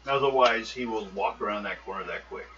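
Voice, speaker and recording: A man's voice: on the low side, a little fast. A man narrating a tabletop game as game master, talking loosely with frequent ums. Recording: muffled, distant mic with steady noise.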